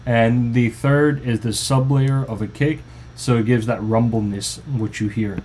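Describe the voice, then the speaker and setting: A man's voice: medium pitch, steady tone, measured pace, noisy background. A man, a music producer, giving a loose, informal tutorial walkthrough of his own song. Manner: loose, informal explaining with restarts. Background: faint music playing.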